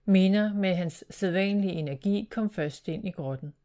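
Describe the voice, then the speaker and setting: A woman narrating a children's storybook in a calm, measured reading voice. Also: mid-range voice.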